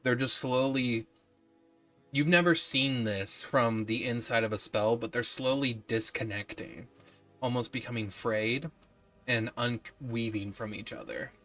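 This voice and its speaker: A man's voice: mid-range voice, unhurried, a bit bright, faint music behind. A man narrating as game master of a tabletop game, describing scenes in a descriptive, easygoing way.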